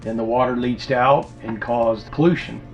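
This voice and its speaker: Male vlog co-host, folksy casual explainer, medium pitch, somewhat lo-fi sound, faint music behind. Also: fairly even intonation, moderate pace.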